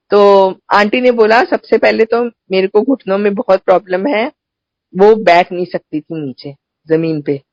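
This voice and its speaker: A woman's voice: mid-range voice, no echo. A woman tells a congregation about her experiences, chatting casually and dropping in English phrases. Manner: conversational, mixes English phrases. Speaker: devotee sharing testimony. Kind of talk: storytelling to a congregation. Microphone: video call. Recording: dull, dry video-call audio.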